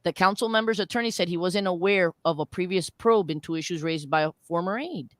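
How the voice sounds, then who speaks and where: A woman co-hosting a local political talk show, commenting on the news and reading articles aloud in an animated way with frequent restarts. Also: on the low side, brisk, no room sound. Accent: Floridian.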